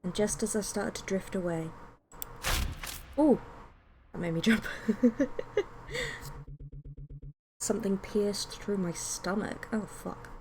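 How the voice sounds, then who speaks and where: A British woman hosts a game stream, chatting informally and reading story narration aloud. She speaks slowly in a medium-pitched voice, pausing often, over a noisy background.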